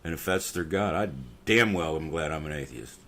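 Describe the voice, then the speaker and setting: Blunt, profane man with a very deep voice. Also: expressive, normal speed, a bit bright. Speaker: podcast co-host. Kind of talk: casual political rant.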